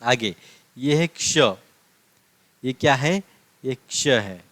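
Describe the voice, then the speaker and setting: Male language tutor, unhurried and patient drill delivery, mid pitch, dry room. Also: animated, fairly bright tone, no echo. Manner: slow, drawn-out syllable drills, explaining. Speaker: language teacher. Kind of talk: patient letter-by-letter language lesson.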